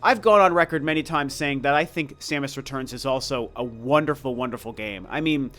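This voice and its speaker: He is a game review host in his forties, and his cold shows: the voice is congested, stuffed-up and slightly scratchy. Pitched mid-range, a little fast and a bit bright, he delivers casual, emphatic, opinionated takes.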